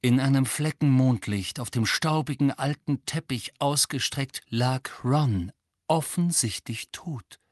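Male audiobook narrator, measured storytelling, dead-dry booth sound. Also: mid-range voice, no room sound.

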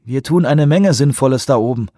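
A man's voice: medium pitch, fairly quick, dark tone, no echo, studio quality, voice pushed up, natural voice. A man reading an audiobook, voicing an earnest male scientist.

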